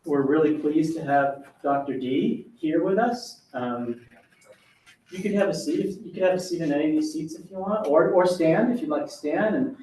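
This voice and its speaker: A man's voice: a little high, moderate pace, darkish tone. A man chairing a public board meeting, speaking informally and rambling a bit with many fillers. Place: county board meeting room. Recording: echoey meeting room, mic at a distance.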